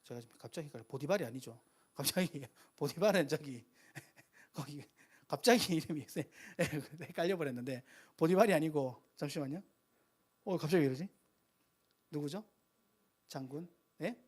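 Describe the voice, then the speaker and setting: A man's voice: on the high side, moderate pace, pauses often, breathy edge. A man giving a chatty, conversational sermon at a live worship meeting, stopping to correct himself and laughing at his own slips.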